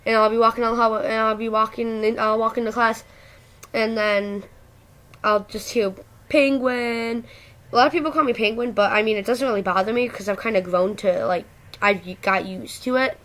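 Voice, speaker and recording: A woman's voice: fairly high pitch, fairly even intonation, fairly quick, a bit bright. A teenage girl talking casually and candidly to camera in a rambling, slangy way, with a speech impediment that turns her r sounds into w. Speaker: video blogger. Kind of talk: casual personal talk to camera.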